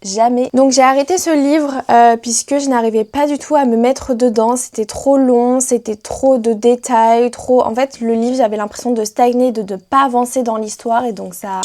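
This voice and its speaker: Chatty young French-speaking woman, higher voice. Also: darkish tone. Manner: chatty, many fillers and restarts. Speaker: book vlogger. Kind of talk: casual book review.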